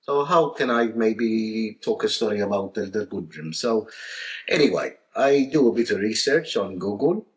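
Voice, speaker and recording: A man co-hosting a family travel vlog, telling stories and jokes in a playful, deadpan way. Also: fairly low pitch, moderate pace. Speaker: co-host, joke teller. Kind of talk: casual chat and joke telling.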